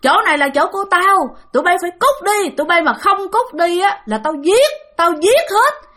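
A woman voicing an angry male ghost who shouts threats. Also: expressive, normal speed, full character voice. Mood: furious. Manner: shouting threats, harsh and high. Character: furious male ghost, menacing house owner.

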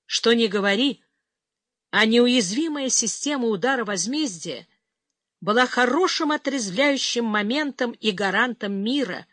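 A woman narrating an audiobook in a measured, scripted reading. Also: fairly high pitch, expressive, a bit bright, dry recording. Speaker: audiobook reader.

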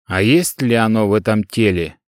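A man's voice: fairly low pitch, normal speed, no room sound, studio quality, close to an everyday voice. Man playing a stern secretive master. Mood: commanding. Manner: calm, curt orders.

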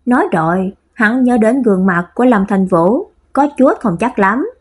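A woman narrating a storybook in a steady, even reading voice. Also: on the high side, moderate pace, husky. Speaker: audiobook narrator.

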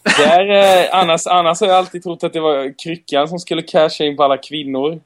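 A man's voice: fairly high pitch, fairly even intonation. A man hosting a podcast in casual chat, joking around, repeating himself and tripping over his words. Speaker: podcast host.

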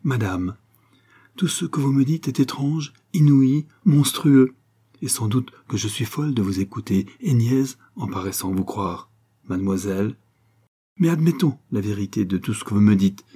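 A man's voice: fairly low pitch, lively intonation, normal speed, dark tone, slightly rough. A man reading an audiobook, voicing a proud, haughty young aristocratic woman who speaks in indignant outbursts.

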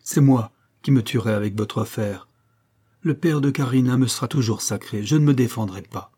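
A man voicing a humble young male artist in love, speaking softly and gently. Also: mid-range voice, moderate pace, breathy edge, lightly acted. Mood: gentle. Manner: soft, gentle.

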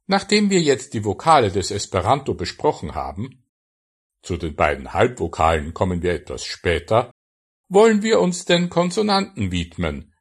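A man with a slightly low, husky voice teaches a recorded language lesson. He speaks slowly and deliberately, with a lively, rising and falling pitch as he pronounces each word with care before giving its translation. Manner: slow, careful enunciation of single words followed by translations. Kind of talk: scripted audio language lesson.

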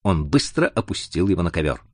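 A man narrating an adventure audiobook in an expressive, dramatic reading. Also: low-pitched, a little fast, breathy edge, no echo, clean studio sound.

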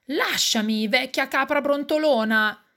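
A woman's voice: high voice, measured pace, pitched above the performer's own voice. A woman voicing an exasperated father who scolds his three unruly children in a storybook. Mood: shouting. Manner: shouting, scolding.

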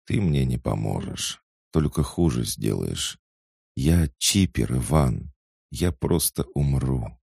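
A man with a deep, gravelly voice voicing a frightened, broken young woman, an addict who pleads through tears. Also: lively intonation, a little mellow, no room sound, clean studio sound, heavily acted. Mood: terrified pleading. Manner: tearful, halting pleas.

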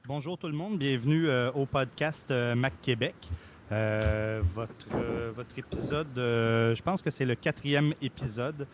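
A man with a Québécois accent hosting a podcast casually, in a halting, hesitant way. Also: medium pitch, very noisy. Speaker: podcast host.

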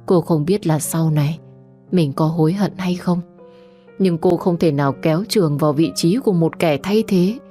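A woman narrating an audiobook story in calm, measured scripted narration. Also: fairly low pitch. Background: faint music.

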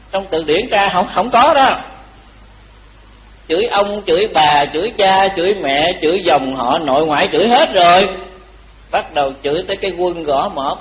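A man's voice: high voice, a bit bright, low-quality recording. A man, a Buddhist monk giving a dharma talk, telling a story animatedly and teasing his audience with questions.

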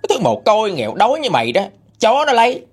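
A man voicing a loud-mouthed, abusive middle-aged mother, screaming insults. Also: high-pitched, wildly swooping pitch, quick pace, husky, faint music behind, voice pushed up, full character voice. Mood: furious.

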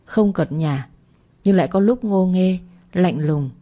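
A woman narrating a romance story as a calm, steady audiobook reader. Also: on the low side, measured pace.

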